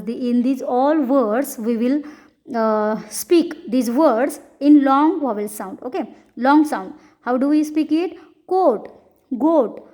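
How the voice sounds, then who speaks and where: A high-voiced woman teaches a lesson in an unhurried way. She reads the sentences slowly and carefully and spells words letter by letter. Between them she switches to quicker explanations in Hindi. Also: warm tone.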